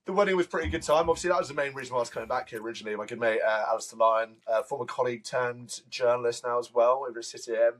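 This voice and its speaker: A man co-hosting a sports podcast, telling stories in quick, casual chat with some swearing. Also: mid-range voice. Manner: quick, chatty storytelling with swearing. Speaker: podcast co-host.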